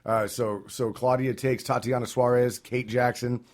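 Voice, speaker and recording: A man's voice: medium pitch, level tone, normal speed. A man hosting a podcast, chatting casually and laughing as he runs through fight results. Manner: laughs often, reads off results loosely. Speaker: podcast host.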